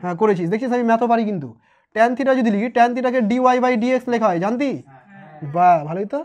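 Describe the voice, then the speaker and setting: Teaching physics at a board in an informal style, a man from West Bengal, India, teases his students, quizzes them, and supplies the answers himself. His voice is very high with a darkish tone, and he talks very fast. The recording sounds muffled.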